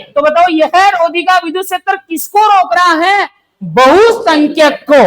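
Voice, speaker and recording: A man's voice: very high-pitched, a bit bright, low-quality recording. A man teaching a coaching class, repeating each question and answering it himself, with playful everyday analogies. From Rajasthan, India. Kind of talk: classroom lecture with call-and-response questions.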